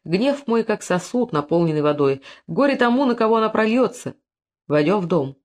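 A man's voice: high voice, expressive, moderate pace. A woman reading an audiobook, voicing a young hot-tempered prince with a commanding manner. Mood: wrathful.

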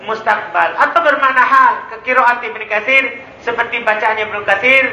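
A man teaching Arabic grammar in a classroom lecture, often stopping to quiz his students with quick questions. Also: very high-pitched, steady tone, sharp tone, a little hiss or hum. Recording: echoey classroom recording.

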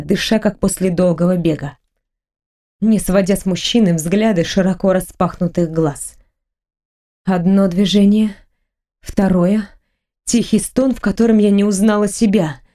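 A woman narrating a first-person audiobook in a slow, sensual, intimate way. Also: mid-range voice, mellow.

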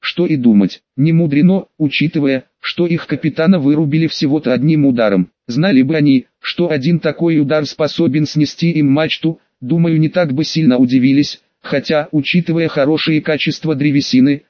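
A man's voice: on the high side, brisk, hardly any pauses, dry recording. A man narrating an audiobook in the first person, in a casual, ironic storytelling manner. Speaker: audiobook reader. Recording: dull, dry lo-fi recording.

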